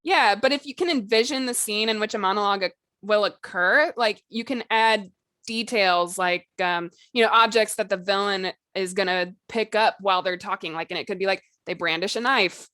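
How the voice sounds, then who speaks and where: On a podcast about writing fiction, a woman co-host gives tips in a casual, instructional chat, hedging informally and saying "like" and "you know" a lot. She speaks at medium pitch and a moderate pace, with a sharp tone. No room sound can be heard.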